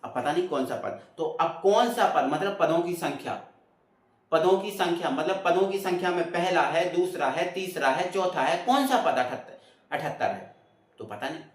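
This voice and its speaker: A man's voice: a little high, animated, moderate pace. A male maths teacher explaining sums step by step, adding "है ना" and "ठीक है", asking questions aloud and answering them himself. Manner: repeats prompts like "है ना" and "ठीक है" to check understanding; playful asides while explaining. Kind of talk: chalkboard maths lesson. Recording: very echoey room, voice from a distance.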